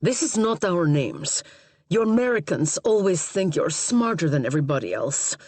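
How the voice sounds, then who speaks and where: A woman's voice: lowish voice, very animated, normal speed, a little mellow, dry recording. A woman voicing a hostile woman agent, speaking in clipped, impatient lines in an audiobook. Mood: annoyed. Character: hostile Russian woman agent, curt, armed.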